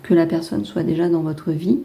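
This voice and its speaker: A French woman giving a casual tarot reading, chatty and gentle, with many fillers and restarts. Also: low voice, steady tone, normal speed, gravelly. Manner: gentle, reassuring advice. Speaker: tarot card reader.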